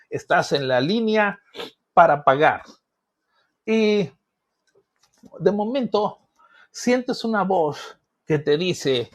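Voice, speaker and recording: A middle-aged male pastor preaching a teaching sermon, acting out voices and objections with emphatic bursts. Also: high voice.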